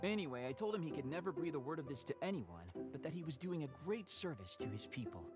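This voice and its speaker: Teasing young game warrior, acted, confident, mock-formal, swooping intonation, clear background music. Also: medium pitch, very animated, fast talker, natural voice. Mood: wry. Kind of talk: video game character dialogue.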